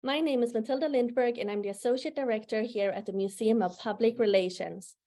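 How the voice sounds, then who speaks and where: A woman's voice: a little high, a little fast, warm tone. A woman presenting an event, giving a scripted welcome in a formal, prepared way. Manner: formal, reads prepared remarks. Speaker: museum associate director, event presenter.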